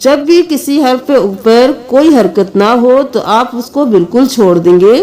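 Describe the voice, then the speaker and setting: Slow, high-voiced woman teaching recitation. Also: animated, a little mellow. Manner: slow, patient spelling of letters, breaking into melodic chanting for verses. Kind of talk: step-by-step tajweed lesson with chanted recitation.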